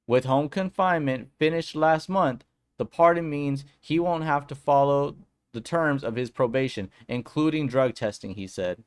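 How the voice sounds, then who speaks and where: A man's voice: mid-range voice, normal speed, smooth. A man hosting a casual commentary vlog who talks in an upbeat, slangy way and then reads a news article aloud. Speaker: political commentary vlogger.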